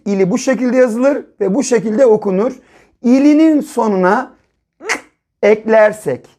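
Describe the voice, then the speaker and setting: A primary school teacher giving an early reading lesson to children, sounding out syllables slowly and repeating each word several times with frequent check-in questions. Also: medium pitch, darkish tone.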